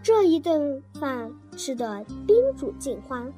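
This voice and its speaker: A woman reading a first-person story aloud in an animated, playful way. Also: high voice, takes it slowly. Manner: animated, playful voicing of scenes. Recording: dry close sound, faint music. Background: faint music.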